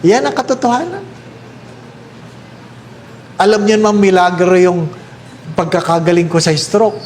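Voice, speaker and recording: A Filipino priest tells a story in an animated way, speaking slowly but with energy in a high voice. He uses high-pitched voices for the characters, and a faint hiss sits in the background.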